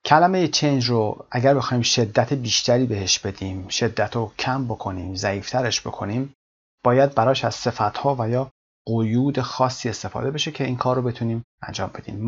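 A man works through an English vocabulary lesson, explaining each word in turn and reading English example sentences slowly and with care. His voice is mid-range, and the recording sounds muffled.

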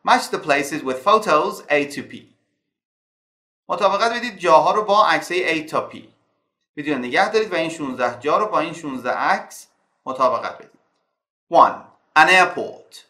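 A man teaching an English lesson who reads English phrases slowly and clearly, then explains them. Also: fairly high pitch, sharp tone, reverberant. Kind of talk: language lesson explaining vocabulary and word stress.

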